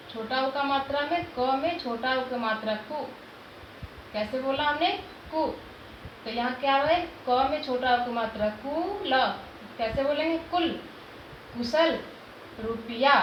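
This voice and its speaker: A woman teaching a Hindi lesson to young children. She asks questions and answers them herself, sounding out each syllable slowly. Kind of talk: classroom lesson explaining Hindi vowel signs. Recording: echoey room, dull low-fi sound, background noise.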